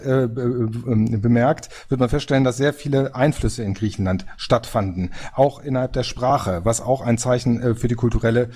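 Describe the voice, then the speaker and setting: A man's voice: mid-range voice, mellow, breathy edge. A man in a panel discussion, speaking up from the audience with an earnest, lecturing manner and frequent restarts. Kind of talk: spontaneous debate statement.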